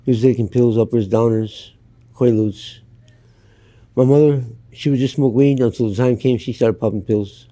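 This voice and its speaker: Older man, from Canada, interview, blunt storytelling, plain-spoken, deep mellow tone. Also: moderate pace. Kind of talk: candid life-story interview. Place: outdoors in Los Angeles.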